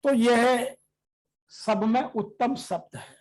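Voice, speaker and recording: A scripture teacher, reading verses slowly and then explaining them in a steady, measured commentary. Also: medium pitch, rough recording.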